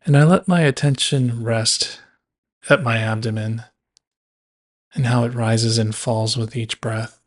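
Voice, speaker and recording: A man guides a body scan meditation very slowly, his middle-pitched voice staying flat and even. Short, measured phrases are separated by long pauses.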